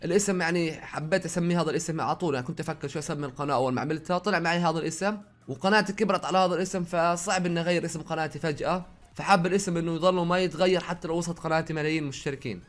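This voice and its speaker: A young man with a Jordanian accent mixed with some Saudi words, chatting in a casual Q&A vlog from his own room, reading out viewers' questions and answering them. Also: on the high side. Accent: Jordanian Arabic with some Saudi words. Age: young adult. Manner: rapid, chatty, reads viewer questions aloud then answers. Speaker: YouTuber.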